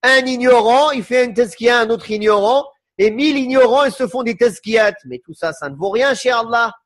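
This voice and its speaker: A man teaching a religious lesson, slowly and with emphasis, who repeats quotations and asks his listeners questions. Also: very high-pitched. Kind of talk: religious lecture.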